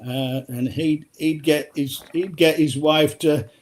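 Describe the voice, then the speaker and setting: An older man talks as a guest on a football phone-in, rambling warmly through old stories and laughing often. His voice sits a little higher than most men's. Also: steady tone, takes it slowly. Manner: chatty, anecdotal, laughs often. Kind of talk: casual phone-in chat.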